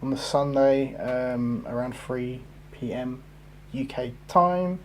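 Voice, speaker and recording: A man's voice: mid-range voice, takes it slowly, a little hiss or hum. Rambling man hosting a podcast. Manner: rambling, lots of fillers and swearing. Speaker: podcast host. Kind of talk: casual gaming chat.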